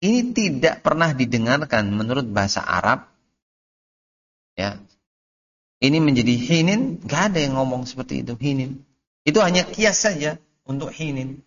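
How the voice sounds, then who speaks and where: A man teaching Arabic grammar in class. He reads the Arabic text slowly, then explains it and quizzes his students. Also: mid-range voice, big pitch swings, a bit bright. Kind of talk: classroom lesson. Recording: dull lo-fi audio recording.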